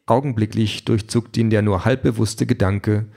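A man with a low voice reads a comic story aloud as audiobook narrator. His storytelling is dry and even, with scripted delivery. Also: moderate pace, creaky.

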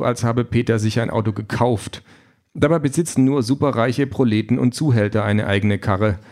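Gravelly man narrating a story. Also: mid-range voice, a little mellow.

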